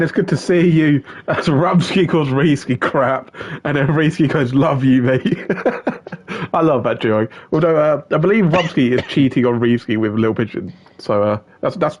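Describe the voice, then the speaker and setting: A man hosts a live sim-racing stream as its commentator. He chats casually at a middle pitch, greeting viewers one by one with plenty of fillers. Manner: chatty, greets viewers by name, filler-heavy. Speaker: race commentator.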